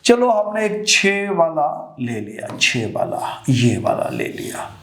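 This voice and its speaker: A man's voice: a little high, very animated, slow. A man teaching chemistry to students in a lecture, asking rhetorical questions, repeating the answers and calling his students children. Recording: echoey room.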